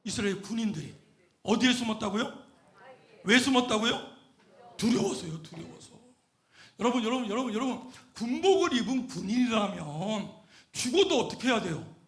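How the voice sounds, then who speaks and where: A middle-aged man preaches with energy, throwing questions at the congregation and raising his voice to a shout at the peaks. His voice sits high and sounds bright and forceful. The room around him is roomy and echoey. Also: expressive, moderate pace. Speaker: pastor. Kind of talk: lively sermon with call-and-response. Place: church sanctuary.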